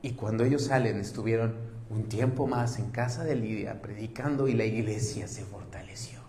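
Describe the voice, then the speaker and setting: A male pastor preaching a sermon, retelling a story with lively rhetorical questions and touches of humor. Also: fairly low pitch, moderate pace, a little hiss or hum.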